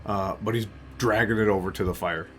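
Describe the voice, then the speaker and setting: A man narrating as game master in a tabletop game, relaxed with many filler words. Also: on the low side, a little fast, a little hiss or hum. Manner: relaxed, full of ums and uhs.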